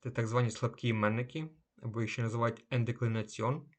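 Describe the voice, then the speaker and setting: Man calmly reading a vocabulary lesson. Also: mid-range voice. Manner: measured, slows down to say each German word clearly. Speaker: language teacher.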